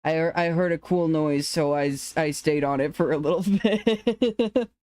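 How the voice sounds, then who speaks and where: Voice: medium pitch, a little slow, no room sound. An androgynous, femme-leaning voice chats casually with an audience, taking its time and wandering from thought to thought. The sound is dry and close, with no room around it. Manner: relaxed, rambling, laughs often, restarts sentences. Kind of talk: casual chat with viewers.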